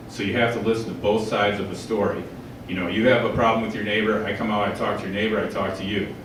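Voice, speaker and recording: A man in his forties, running for office, answers questions at a public forum in a plain-spoken, earnest manner. His voice sits on the low side, and he is heard from far away in a large, echoey hall with background noise.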